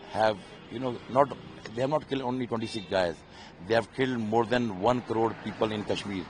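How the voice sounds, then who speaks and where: A man's voice: on the low side, background noise. A middle-aged man, an army officer, speaking in an impassioned, emphatic interview, pleading and repeating himself.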